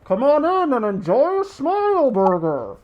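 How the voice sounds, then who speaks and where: A man's voice: fairly high pitch, fairly even intonation, brisk, a little hiss or hum, lightly acted. A man voicing a cheery male burger mascot who speaks in a muffled, upbeat sales voice. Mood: chirpy.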